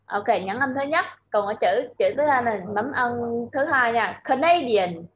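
A woman's voice: on the high side, highs cut off, a little hiss or hum. Patient woman tutor teaching English words. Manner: patient, repeats words slowly for the student to echo. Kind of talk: online English lesson.

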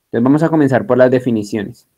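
A man's voice: medium pitch, fast talker, dark tone. Man teaching a chatty Bible class. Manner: spells words out and checks students follow along; chatty and joking, with many restarts. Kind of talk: classroom lecture.

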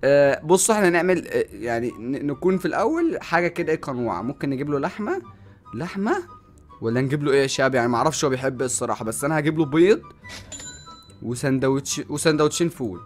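A young man with an Egyptian Arabic accent giving excitable gameplay commentary as a gaming YouTuber, often shouting and exclaiming. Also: on the high side, racing, soft background music.

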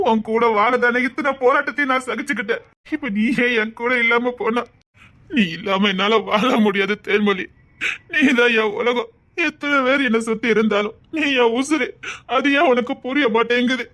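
A man with a Tirunelveli Tamil accent, playing a young husband who pleads and weeps over his beloved in an emotional melodrama. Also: very high-pitched. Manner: pleading, tearful, sobbing between lines. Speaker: husband in a web serial.

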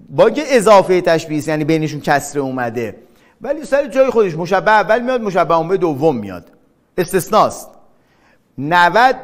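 Man teaching, slowing on key terms. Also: fairly high pitch. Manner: explains by asking and answering his own questions; stretches key terms slowly, word by word. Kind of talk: classroom lecture.

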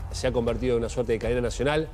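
A middle-aged man with an Argentine accent anchoring a live TV news panel, speaking in a measured way with fillers. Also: mid-range voice, steady tone, darkish tone, faint music behind. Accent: Argentine Spanish. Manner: measured, thinking aloud with fillers. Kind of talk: live studio panel discussion. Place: TV news studio.

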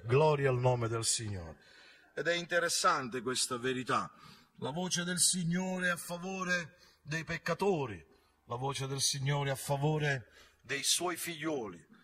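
During a church service, a pastor delivers a fervent Pentecostal sermon, his loudness and pitch rising and falling sharply as he throws rhetorical questions at the congregation. There's slight background noise.

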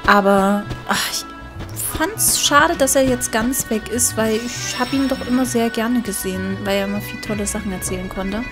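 A woman's voice: a little high, moderate pace. A woman giving casual game commentary as a let's player, chatty and thinking aloud. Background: game music.

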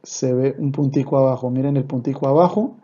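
Patient man teaching, dark muffled voice. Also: medium pitch, steady tone, a little fast, breathy edge. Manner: patient, repeats points, often checks in with listeners. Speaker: Hebrew teacher. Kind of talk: online language lesson. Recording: slightly dull, muffled recording.

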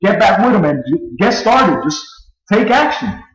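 Pushy young man with a high voice. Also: very animated, measured pace, a bit bright, reverberant, low-quality recording. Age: 20s. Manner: pushy, repetitive, boastful. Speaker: network marketing recruiter. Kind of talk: screen-recorded sales pitch.

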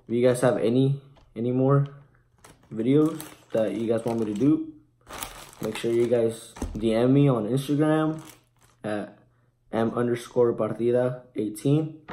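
Young guy vlogging at home, laid-back, unhurried, soft dark tone, kinda hesitant. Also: medium pitch. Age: 20s. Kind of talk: casual chat to camera. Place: small room at home, indoors.

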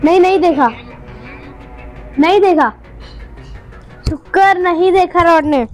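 A woman hosting a gaming channel, giving playful, jokey live commentary over a game with panicky, excitable outbursts. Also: very high-pitched, slow pace, soft background music.

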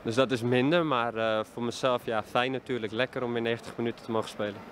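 A young man in his twenties gives a post-match interview as a footballer. His voice sits at an ordinary pitch, and he talks haltingly with frequent fillers. He is recorded outdoors at a stadium on a handheld reporter mic, with faint noise behind him. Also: steady tone. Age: 20s. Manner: hesitant, many fillers. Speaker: football player. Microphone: handheld reporter mic held up to him.

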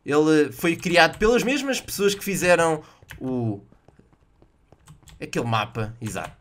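A young man with a European Portuguese accent talks through a match as he plays, his voice high and swinging lively up and down. He yelps and groans at every missed shot and hums playful sound effects. Faint keyboard clicking sits behind him. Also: unhurried, slight background noise. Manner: excitable, exclaims loudly at misses, jokey sound effects. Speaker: gaming youtuber. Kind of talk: live gameplay commentary.

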